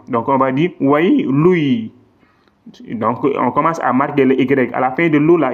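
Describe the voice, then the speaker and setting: A man teaching a lesson on Quran recitation rules, patiently repeating examples and drawing out the Arabic words. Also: medium pitch. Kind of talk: classroom-style lesson explaining tajwid rules. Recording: slightly dull, lo-fi sound.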